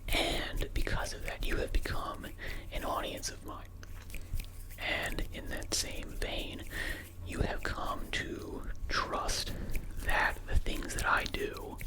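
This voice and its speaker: An ASMR creator whispering quickly in a candid, reflective ramble, entirely without voicing. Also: low-quality recording. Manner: fast, unvoiced whispering throughout.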